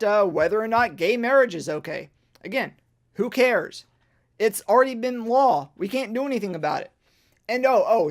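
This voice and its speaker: A woman vents in a casual vlog monologue, exasperated and sarcastic. She grows more fired up as she goes. She sounds a little tipsy from drinking. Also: mid-range voice. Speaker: vlogger.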